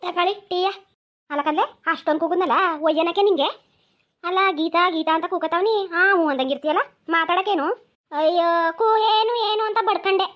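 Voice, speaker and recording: A defensive young cartoon village daughter-in-law, as a woman plays her, firing back retorts in a rural Mysore-region accent. The voice sits high and races along. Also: a little fast. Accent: rural Mysore-region Kannada.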